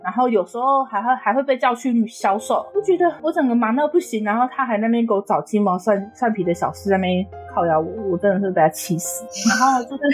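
Animated young woman venting in podcast chat. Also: a little high, fast, few pauses, faint music behind. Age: young adult. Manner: animated storytelling, exasperated. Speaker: podcast co-host. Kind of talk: casual chat.

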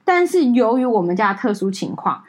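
A woman with a Taiwanese Mandarin accent, co-hosting a podcast and telling a story in an animated, emotional way with many fillers. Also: on the high side, brisk. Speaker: podcast co-host. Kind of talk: casual storytelling chat.

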